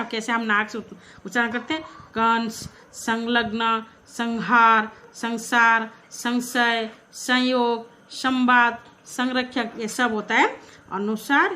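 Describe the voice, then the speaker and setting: A woman teaching a school grammar class with an Indian accent, slowly sounding out letters and words and repeating them for pupils. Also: a little high, a bit bright. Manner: slow, drawn-out syllable-by-syllable demonstration.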